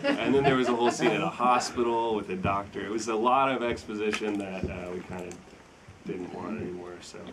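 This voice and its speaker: A young man, a filmmaker, chatting casually in a Q&A after a screening, relaxed and rambling, laughing often. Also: lowish voice, fairly quick, a crowd in the background, noisy background. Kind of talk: casual Q&A chat. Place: screening room with an audience.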